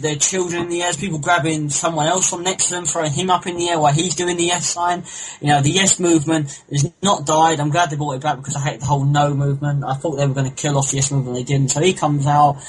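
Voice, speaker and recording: Rambling young man, noisy home mic. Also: fairly high pitch. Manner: rambling, excitable, swears often. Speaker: podcast co-host. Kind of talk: casual chat.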